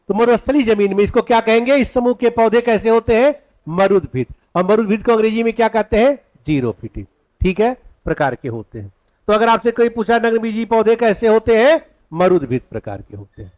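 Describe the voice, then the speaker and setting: A male teacher with a high, very animated voice leads an exam-prep class in a classroom. He keeps asking the students questions and answering them himself. He dictates each point slowly, over and over.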